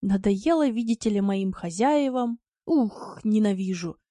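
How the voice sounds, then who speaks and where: A woman voicing a gloomy, thin tomcat who mutters slowly and bitterly. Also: mid-range voice, animated, mellow, no room sound, clean studio sound, lightly acted. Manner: slow, glum muttering.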